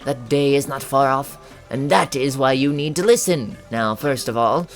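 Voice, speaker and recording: A man's voice: medium pitch, normal speed, soft background music, natural voice. A man doing a scolding old woman elder. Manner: lecturing, scolding, gruff.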